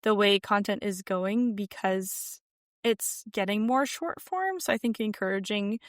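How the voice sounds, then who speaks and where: A woman's voice: medium pitch, unhurried, dry recording. Chatty young woman, dry close sound. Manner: chatty, many "like" fillers, animated emphasis. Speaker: podcast guest, sewing content creator. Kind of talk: casual interview chat. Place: home room with yarn shelves.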